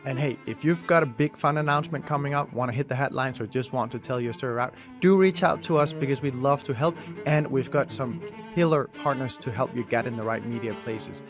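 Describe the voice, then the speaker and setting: A young Danish podcast host with a Danish accent chats casually and reads sponsor spots, upbeat, jokey and fast-talking. His voice is medium-pitched and heard over music.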